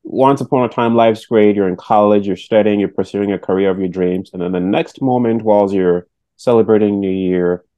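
A man's voice: on the low side, moderate pace, few pauses, mellow, dry recording, dull audio. A man hosting a podcast interview, earnest and reacting often with "wow". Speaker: podcast host.

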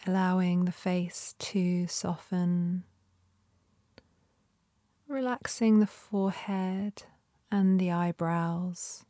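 A woman leading a guided meditation in a soft, breathy, often near-whispered voice with a gentle, soothing manner and long pauses. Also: lowish voice, steady tone, no echo, studio quality.

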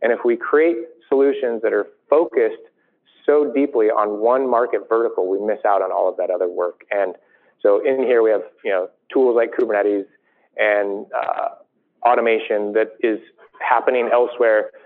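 A man's voice: on the low side, fairly even intonation, moderate pace. A man speaking at a conference, making a persuasive closing plea. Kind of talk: panel remarks. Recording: tinny phone-like audio.

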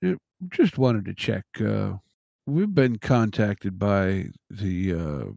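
A man's voice: fairly low pitch, expressive, slow pace, vocal fry, warm tone, dry recording. A man playing an easygoing character in a tabletop role-play. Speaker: player.

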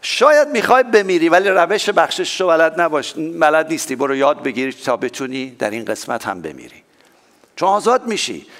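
A male pastor preaching a sermon with strong swings in loudness and pitch, repeating phrases for emphasis. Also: very animated.

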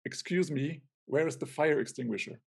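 German man, podcast co-host, gravelly, highish voice, hesitant English. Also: normal speed. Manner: hesitant English, laughs while telling stories. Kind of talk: casual chat.

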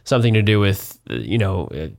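A young man from Wichita, Kansas, a parish communications and development coordinator, chats as a guest in a casual interview about his parish work and hometown. He rambles with many fillers and restarts and shows dry, self-deprecating humor. His voice is deep, gravelly, very animated, and brisk.

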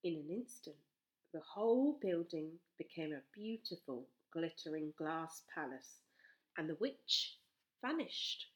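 Expressive woman reading a children's story. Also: sits low. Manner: slow, expressive. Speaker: storybook reader. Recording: roomy echo.

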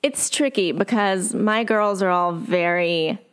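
A woman, an actress and game master, chatting as a guest in a casual interview, animated and laughing often. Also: medium pitch, slow pace, smooth. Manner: animated, laughs often, lively acted quotes.

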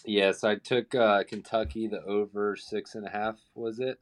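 A man with a deep, low voice is heard calling in over the phone, a little distant from the mic. He gives his picks in a loose, casual way and often stammers over the opening words of his sentences. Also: steady tone, normal speed. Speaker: co-host giving betting picks. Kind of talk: casual sports betting chat.

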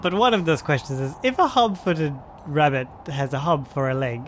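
A man's voice: fairly high pitch, big pitch swings, moderate pace, a little hiss or hum. A man acting as narrator in an improvised story game, bantering in a dry, mock-formal way.

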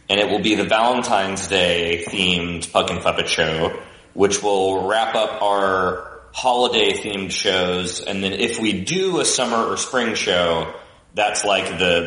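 A man's voice: deep voice, measured pace. Man with a cave-like echo. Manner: relaxed, chatty and talkative. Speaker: podcast guest. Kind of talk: casual chat. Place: echoey basement room.

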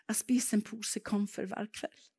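A woman's voice: mid-range voice, fairly even intonation, a little mellow, slightly rough, natural voice. Woman preacher quoting a sheepish woman friend, hesitant, confiding, sermon story.

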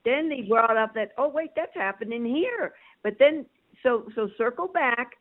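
An older woman phones in to a show, her voice on the high side, expressive and at a moderate pace, coming through a tinny phone line. As a caller in casual chat, she talks emphatically and chattily, piling on one point after another.

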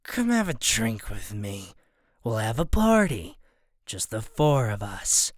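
A man's voice: slow pace, no room sound, studio quality. A man voicing a drunk, slurring man who mocks and threatens. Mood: taunting. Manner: slurred, low and mocking.

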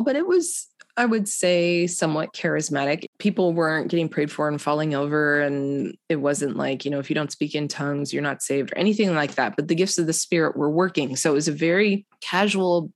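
A woman's voice: on the low side, no room sound, studio quality. A woman, a podcast guest telling her story in a casual chat and acting out the voices of other people. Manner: animated storyteller acting out quotes. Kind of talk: casual testimony conversation.

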